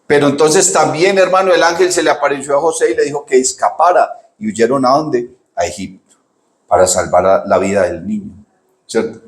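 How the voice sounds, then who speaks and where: A male pastor delivers a lively sermon, asking his listeners questions and calling them "brother." His voice is of medium pitch. The room behind him is echoey. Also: fairly quick. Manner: animated preaching, rhetorical questions, often says "hermano".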